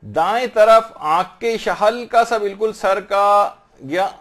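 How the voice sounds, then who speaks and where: A man giving a religious lesson on prayer, patiently explaining and slowly drawing out Arabic phrases to show correct pronunciation. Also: high-pitched, a bit bright. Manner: slow drawn-out demonstrations of Arabic pronunciation. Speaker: religious teacher.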